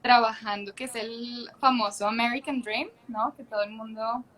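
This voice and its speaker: On a video call, a young Colombian actress appearing as a guest talks openly in relaxed interview chat, speaking with a Colombian accent. Her slightly high, fairly bright voice keeps a fairly even intonation at normal speed. Frequent laughter and many restarts mark her chatty delivery.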